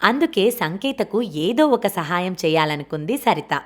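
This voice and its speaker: A woman narrating a novel aloud for an audiobook in a steady, clear storytelling manner. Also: on the low side, a little slow.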